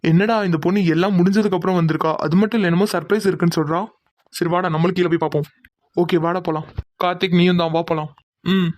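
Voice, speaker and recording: A man voices a crowd of young cartoon men, a man doing quick and heated talkers. His voice sits a little high and races along. The recording is close and dry. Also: steady tone, darkish tone, no echo. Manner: quick, heated, bickering delivery. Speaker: voice actor for several male cartoon characters. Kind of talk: Tamil cartoon drama voicing.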